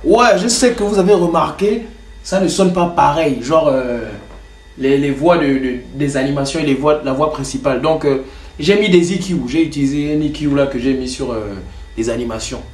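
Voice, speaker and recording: A man's voice: on the high side, moderate pace, darkish tone. A young man explaining in a casual, loose way how he builds a rap track, with lots of fillers. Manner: loose and chatty, many fillers like "genre". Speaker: home music producer and rapper. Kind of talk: casual tutorial talk to camera. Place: his bedroom. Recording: roomy bedroom echo.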